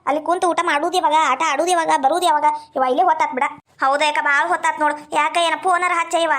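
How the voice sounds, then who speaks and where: A woman's voice: high voice, fairly even intonation, fast talker, fairly bright tone. A woman with a North Karnataka Kannada accent in a scripted village comedy sketch, scolding and bickering. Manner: scolding, quarrelsome banter. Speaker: village women comedy cast.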